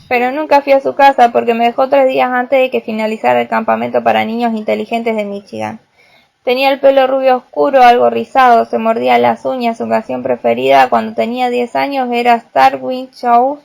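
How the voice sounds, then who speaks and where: A woman's voice: fairly high pitch, little pitch movement, brisk, gravelly, a little mellow. A woman reading as a nerdy, obsessive teenage boy prodigy. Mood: earnest. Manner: earnest, precise and obsessive.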